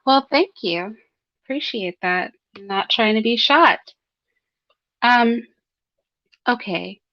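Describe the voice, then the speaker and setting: A woman's voice: fairly high pitch, expressive, slow pace, fairly bright tone, dry recording. A woman giving conversational solo opinion commentary, speaking informally and straight to listeners with rhetorical tag questions. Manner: frequent throat clearing. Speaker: host of a commentary livestream. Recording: dull, slightly lo-fi close dry sound.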